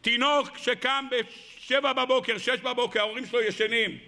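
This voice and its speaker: Male rabbi, sermon style, impassioned storyteller with a very high, bright voice. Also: fairly even intonation. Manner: impassioned, acts out voices and stories.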